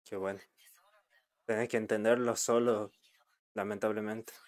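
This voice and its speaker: A man's voice: lowish voice, level tone, unhurried. A man, casually reacting to anime as an amused fan, in short bursts into a desk microphone. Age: 20s. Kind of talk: casual live reaction commentary. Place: small home streaming room. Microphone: desk microphone close in front.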